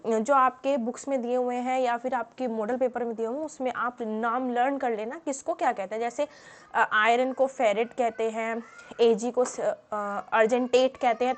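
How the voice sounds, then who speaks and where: Speaking in a high voice and blending Hindi with English, a woman teaches chemistry in a classroom lecture. Her explanations move patiently one step at a time, peppered with fillers, rhetorical questions, and frequent "ठीक है" checks.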